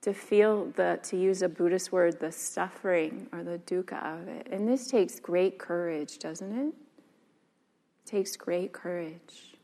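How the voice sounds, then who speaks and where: A woman's voice: on the low side, a little slow, gravelly, hardly any pauses, warm tone. A woman teacher giving a casual dharma talk, chatty and full of "like" and "um". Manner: casual, chatty, many fillers. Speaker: meditation and yoga teacher. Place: meditation hall. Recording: long hall reverb.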